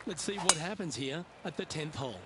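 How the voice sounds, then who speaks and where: Understated male golf commentator played by an actor, higher-than-average voice, game broadcast style, clear outdoor noise behind. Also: animated, brisk, lightly acted. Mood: measured, understated. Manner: understated, short remarks on each shot.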